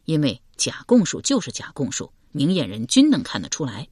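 A woman voicing a calm, scheming male general who explains his plan slowly and carefully. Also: deep voice, slightly rough, no room sound, clean studio sound, pitched below the performer's own voice, heavily acted. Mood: measured, explaining. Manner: slow measured explaining.

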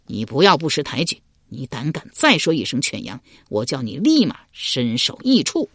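A man's voice: medium pitch, big pitch swings, normal speed, dry recording, clean studio sound. A man doing a cunning ruthless marshal. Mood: threatening. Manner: scheming, then threatening.

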